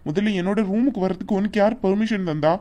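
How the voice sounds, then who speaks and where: Speaking quickly in a dark, mid-range voice with a light touch of acting, a woman voices an irritated young cartoon character lashing out at his family with indignant outbursts.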